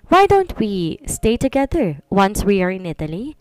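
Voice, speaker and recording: A woman's voice: mid-range voice, very animated, unhurried, no echo. A woman voicing a playful, nosy married friend who asks teasing questions in a storybook reading.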